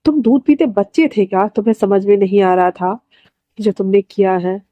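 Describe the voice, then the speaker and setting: A woman's voice: mid-range voice, fairly even intonation, normal speed, no room sound, muffled recording, close to an everyday voice. A woman voicing a stern mother scolding her grown son in a storybook reading.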